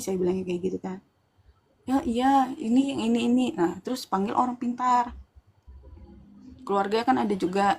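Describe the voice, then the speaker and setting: A woman with an East Kalimantan accent, casually retelling a personal ghost story in animated detail. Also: medium pitch, husky. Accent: Indonesian, East Kalimantan. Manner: chatty, animated retelling with quoted dialogue.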